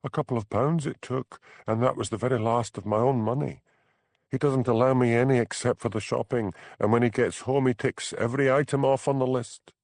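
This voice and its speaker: A man with a natural, slightly mellow voice reads an audiobook fairly quickly and in a steady tone, recorded dry with clean studio sound. Taking on the role of a tearful young crofter's wife stuck in an unhappy marriage, he sounds anxious, pleading, plaintive and high-pitched.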